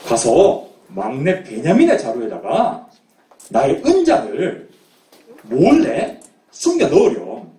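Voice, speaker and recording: Guy doing a bossy ruler giving sneaky orders, lower and slow, echoey. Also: huge pitch swings, warm tone, exaggerated voice. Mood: commanding. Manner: commanding. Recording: echoey room, mic at a distance.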